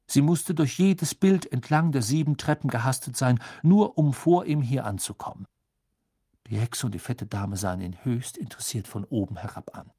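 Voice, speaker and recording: Ein Mann liest ein Hörbuch ausdrucksvoll und dramatisch vor. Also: male voice, mid-range voice, normal speed, slightly rough, no room sound, studio quality. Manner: expressive, dramatic storytelling. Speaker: audiobook narrator. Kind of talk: scripted audiobook narration.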